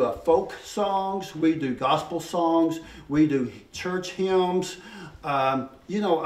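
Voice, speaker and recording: A man's voice: a little high, a little mellow. A man hosting a country music night, welcoming the room in a chatty, homespun, joking way. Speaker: show host. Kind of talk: folksy stage welcome. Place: ranch house music venue. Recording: roomy, from a distance.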